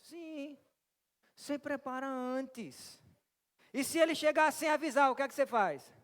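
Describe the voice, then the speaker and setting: A male Brazilian pastor with a high voice delivers a lively sermon and keeps drawing the congregation in with questions and jokes. His voice rings with the long reverb of a church hall. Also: moderate pace. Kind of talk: interactive sermon.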